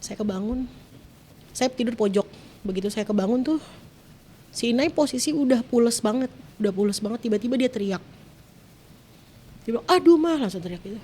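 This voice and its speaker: Warm-voiced woman, clipped retelling. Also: on the high side, a little fast, pauses often, husky. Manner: retells events in short clipped phrases, voice jumping up when quoting. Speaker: guest telling her own story. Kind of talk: emotional personal storytelling.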